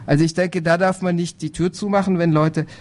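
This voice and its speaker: A man speaking on a political panel, measured and hesitant, with frequent fillers and restarts. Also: high voice, steady tone, a little mellow. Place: lecture hall.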